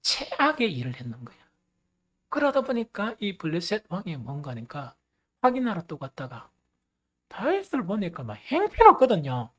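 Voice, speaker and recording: A male pastor preaching a sermon, animated and swinging between loud and hushed. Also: sits high, normal speed.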